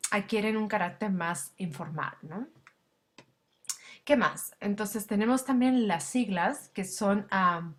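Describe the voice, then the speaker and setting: A woman instructor talks through a recorded slide lecture at a medium pitch. She explains patiently and step by step, sprinkling her sentences with fillers and checking in with tag questions. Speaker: language instructor.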